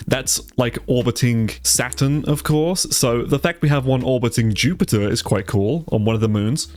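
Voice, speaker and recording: A man with a medium-pitched, slightly mellow voice and a stuffy, congested nose gives casual let's play commentary as a gaming YouTuber playing the game. He swears freely and sounds easily amazed.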